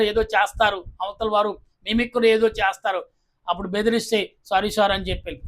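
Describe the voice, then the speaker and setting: A man's voice: sits high, fairly bright tone. A man preaching a sermon, asking his listeners question after question. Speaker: pastor.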